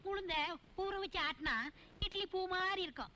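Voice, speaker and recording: A shrill, scheming houseguest. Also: female voice, moderate pace, bright, forceful tone, slight background noise. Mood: bossy. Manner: dramatic lamenting, then coaxing and bossy. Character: scheming woman guest, wheedling and bossy. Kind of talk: comic film dialogue.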